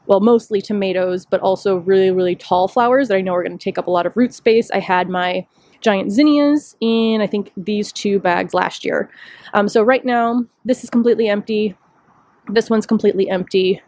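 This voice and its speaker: A woman's voice: medium pitch, darkish tone, no room sound. Woman, casual garden vlogger, chatty and self-deprecating, dry outdoor sound on a handheld phone. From Chicago area. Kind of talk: casual walking tour narration. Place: outdoor rooftop deck. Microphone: handheld phone camera, speaker off screen.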